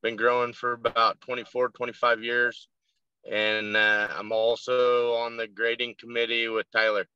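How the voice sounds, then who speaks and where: A man's voice: mid-range voice, level tone, moderate pace, sharp tone, smooth, no room sound. A man farmer giving a brief, plain introduction in an online meeting. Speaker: farmer, co-op member. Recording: dull muffled call audio.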